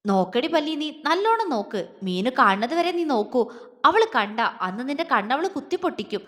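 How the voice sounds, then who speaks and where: A woman's voice: high-pitched, very animated, moderate pace. A woman voicing a mischievous young man who pleads and gloats. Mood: gleeful. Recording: long reverb.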